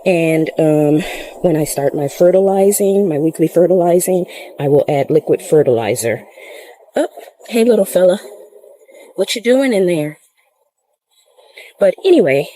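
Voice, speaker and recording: A woman's voice: low-pitched, dark tone, no room sound, rough recording. A woman chatting casually through a gardening vlog outdoors in her garden, rambling with fillers and out of breath. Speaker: gardening vlogger. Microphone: camera set up nearby.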